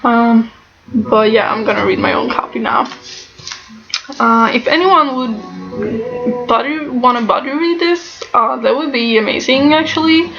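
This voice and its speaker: A woman chats casually and haltingly about her things, sounding nasal and stuffed up, as if with a broken nose. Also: a little high, music in the background. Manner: halting, often breaking into small laughs. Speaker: book vlogger. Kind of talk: casual chatty book haul. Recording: slightly dull, lo-fi sound.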